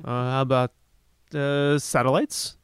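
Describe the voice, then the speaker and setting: A man co-hosting a casual radio talk show from a studio, rambling with halting restarts. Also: mid-range voice, little pitch movement, smooth, no room sound. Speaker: co-host.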